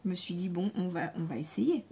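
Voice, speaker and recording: A woman's voice: fairly low pitch, lively intonation, a little fast, dark tone, husky. Chatty woman showing her crafting haul. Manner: hesitant, many fillers and repeated words; enthusiastic about materials. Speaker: scrapbooking vlogger. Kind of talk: casual haul video chat.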